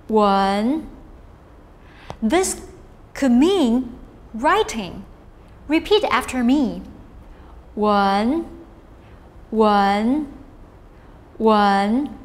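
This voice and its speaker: Slow, lilting woman teaching Chinese tones. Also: sits high, in a large hall. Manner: slow, clear teaching delivery with modelled tone drills. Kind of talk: scripted lesson narration.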